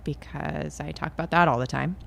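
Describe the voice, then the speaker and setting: Chatty self-deprecating woman guest, low voice. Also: fairly even intonation, fairly quick, gravelly, a bit bright, a little hiss or hum. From Maine, USA. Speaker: podcast guest. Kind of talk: conversational interview.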